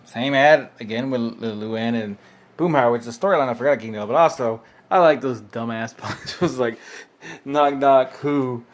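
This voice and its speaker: A man in a middle pitch, hosting his vlog in a loose, rambling commentary. He talks offhandedly and fills his pauses with small asides and fillers. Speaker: host. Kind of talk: casual commentary.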